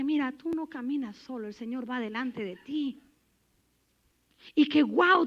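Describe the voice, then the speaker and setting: A woman preaching a sermon in church, animated and emphatic, then dropping to a hushed, intimate tone. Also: sits high, muffled recording.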